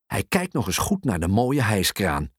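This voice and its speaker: A storyteller reading a children's story aloud in an expressive way. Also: low voice, moderate pace, breathy edge, no echo, studio quality. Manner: expressive, with lively voices.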